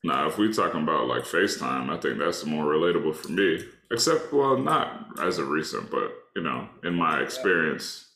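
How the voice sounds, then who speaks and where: A man's voice: a bass voice, big pitch swings, normal speed, few pauses, bright, forceful tone, reverberant. A man with a stuffed-up nose chatting casually and slangily as a podcast co-host, rambling through his points. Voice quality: congested, blocked-nose sound. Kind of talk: casual chat.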